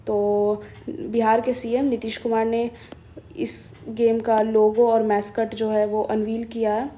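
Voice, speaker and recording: A woman from India walks exam students through a newspaper. Her voice sits a little high, with a soft, mellow tone. She chats her way through each point, slipping into English phrases and pausing to search for the right word. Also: flat delivery, a little hiss or hum. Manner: chatty and explanatory, mixing in English phrases; thinks aloud with hesitations and self-corrections. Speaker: current-affairs teacher.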